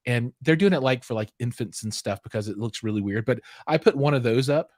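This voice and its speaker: A man's voice: medium pitch, brisk, a little mellow, no echo, clean studio sound. Rambling middle-aged man, fillers galore. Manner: rambling, self-deprecating, many fillers and restarts. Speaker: host. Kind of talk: casual live-stream chat.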